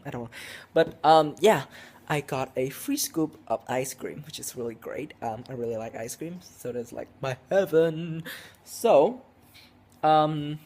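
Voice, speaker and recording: Teen guy rambling thru a vlog story, tons of likes and ums, keeps restarting, mid pitch. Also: a little mellow. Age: teenager, 16. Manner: rambling, heavy with "like" and "um", frequent restarts. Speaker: vlogger.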